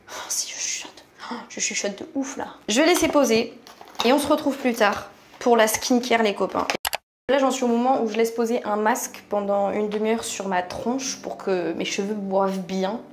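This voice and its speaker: A young woman from France chatting casually to camera in her bathroom at night, slangy and animated with viewers. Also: on the high side. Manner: chatty, slangy, addresses viewers as "les gars". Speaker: YouTuber.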